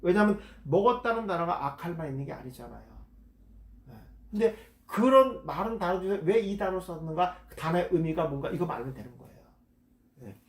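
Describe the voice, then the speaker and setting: High-voiced man teaching a Bible class. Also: lively intonation, fairly quick, echoey room. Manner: reads the text aloud then explains it, repeats key words. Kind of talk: Bible study lecture.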